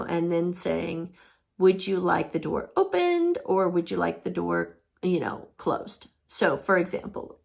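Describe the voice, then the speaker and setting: A woman's voice: on the low side, vocal fry. A woman teaching a parenting course in a chatty, casual way, with many fillers, acting out what a parent would say.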